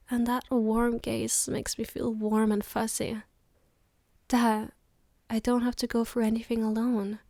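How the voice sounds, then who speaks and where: A woman playing a loving, tired girlfriend on a late-night call, in a soft, intimate ASMR role-play. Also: on the high side, no room sound, studio quality.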